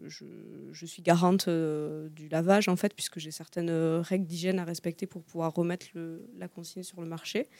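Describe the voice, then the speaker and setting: A woman's voice: fairly low pitch, warm tone, no echo. A woman founding a small zero-waste food business, answering interview questions in a casual, hesitant way with many fillers and restarts. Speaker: guest, founder of a zero-waste tart shop.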